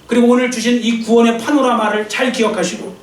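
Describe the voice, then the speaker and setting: A man's voice: very high voice, level tone, fast talker. A male pastor preaching an earnest, exhorting sermon and leading a prayer in a church. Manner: earnest, exhorting, leads call-and-response. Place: church sanctuary. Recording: echoey church sound from a distant mic.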